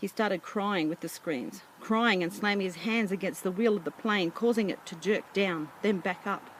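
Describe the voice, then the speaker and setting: A woman reading a novel aloud as its reader, in a plain, steady and unhurried way. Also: medium pitch, slight background noise, rough recording.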